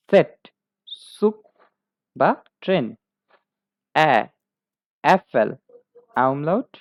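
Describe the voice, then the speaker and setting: A man with a gravelly, creaky voice teaches a German lesson, spelling out each letter and slowly saying sample words. He pauses often with hesitant "ah"s. The recording is dry and a little dull, with no room echo. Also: on the high side. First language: Bengali. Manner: hesitant, frequent "ah" fillers.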